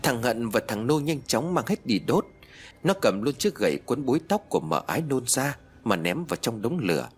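Male audiobook narrator for a ghost story, husky and dramatic. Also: medium pitch, sing-song, normal speed, faint music behind.

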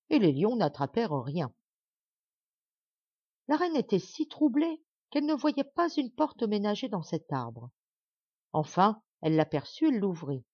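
A woman narrating a fairy tale as an audiobook reader, in an expressive, animated way. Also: on the low side, no echo, lo-fi sound. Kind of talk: scripted storybook narration.

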